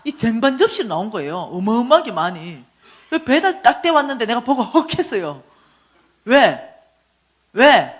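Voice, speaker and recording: A woman's voice: a little high, fairly quick. A middle-aged woman with a Gyeongsang accent, telling a story in a church lecture and acting out the dialogue. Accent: Gyeongsang Korean. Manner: animated, acts out dialogue.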